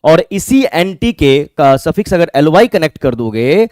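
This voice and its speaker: Fairly high-voiced male tutor. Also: sing-song, unhurried, darkish tone, dry recording. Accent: Bihari Hindi. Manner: explains step by step, asks questions and answers them himself; spells words out letter by letter. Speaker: English teacher. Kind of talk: exam-prep vocabulary lesson.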